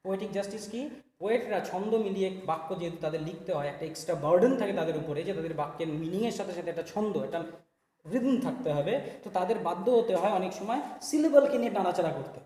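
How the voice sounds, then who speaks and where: A man's voice: high voice, lively intonation, racing, mellow, roomy sound, in a large hall. A man teaching an English grammar lesson, explaining step by step and asking and answering his own questions. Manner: repeats and rephrases points. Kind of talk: Bengali-language grammar lecture.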